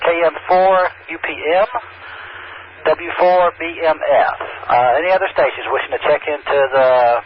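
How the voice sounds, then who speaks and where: A man's voice: fairly high pitch, measured pace. Man running a ham radio net over static. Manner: steady, procedural, reads call signs back. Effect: radio transmission with static. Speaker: net control operator. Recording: muffled radio audio with faint static.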